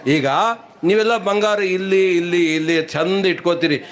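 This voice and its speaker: Man comedian, high voice, rhyming folksy jokes. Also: unhurried. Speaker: stage comedian. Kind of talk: humorous storytelling at a village event.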